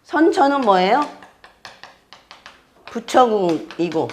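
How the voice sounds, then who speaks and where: In a classroom lecture on fortune-telling astrology, a woman with a medium-pitched, sing-song voice explains things step by step. She repeats key terms and keeps firing quick questions to check her students follow, over slight background noise.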